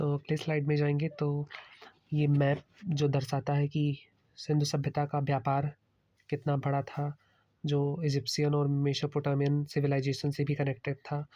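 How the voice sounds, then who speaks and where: A male exam-prep teacher explains slide by slide and drops English terms into his Hindi. His voice sits slightly high and barely moves in pitch. The recording is dry and close, with no room sound. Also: mellow, dry recording. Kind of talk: slide-based lecture.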